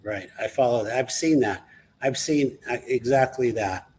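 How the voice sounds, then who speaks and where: A man's voice: medium pitch, normal speed, darkish tone, a little hiss or hum. A man speaking earnestly as a guest on a live online talk show, in casual conversation.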